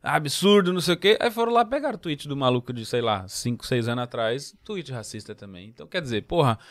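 A man from Brazil in casual podcast chat, slangy and animated, often trailing off and restarting. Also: medium pitch, fast talker. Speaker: podcast host.

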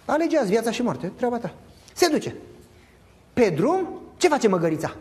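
Un pastor de vârstă mijlocie care predică animat, cu întrebări retorice către adunare și replici jucate. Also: male voice, extremely high pitch. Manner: animated, emphatic preaching with acted-out dialogue; addresses congregation directly with rhetorical questions. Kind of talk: sermon.

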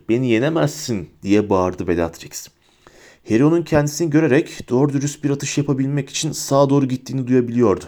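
Dark, mellow male audiobook narrator. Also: medium pitch. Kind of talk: audiobook reading.

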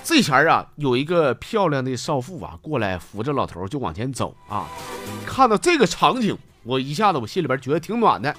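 A man with a Northeastern Mandarin accent, hosting a comedy podcast and telling jokes and funny stories in a lively, folksy way. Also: medium pitch, brisk, soft background music. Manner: lively storyteller with folksy slang.

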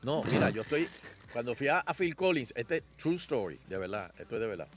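A man's voice: mid-range voice, sing-song, brisk. A man, hosting a casual radio talk show and telling stories with plenty of laughs. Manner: laughing storyteller, mimics others in English.

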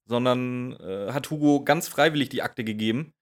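A man with a mid-range voice chats on a podcast in a relaxed, joking way. He cuts in often and stumbles over little fillers as he talks. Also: medium pitch, moderate pace. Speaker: podcast co-host. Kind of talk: casual chat recapping a radio play episode.

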